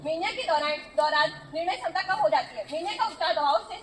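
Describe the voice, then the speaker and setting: Young indian woman student presenting to a street crowd, talks fast, noisy background. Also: high voice, fairly bright tone. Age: young adult. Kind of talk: educational street-play presentation, projected. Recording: noisy outdoor crowd recording.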